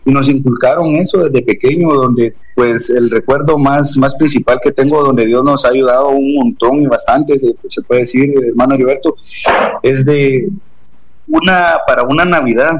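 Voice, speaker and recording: A young man from Guatemala with a Guatemalan Spanish accent, telling his personal story earnestly and haltingly, with frequent restarts. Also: mid-range voice, low-quality recording. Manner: earnest, hesitant, many restarts and fillers like "pues". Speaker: interview guest. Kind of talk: personal testimony.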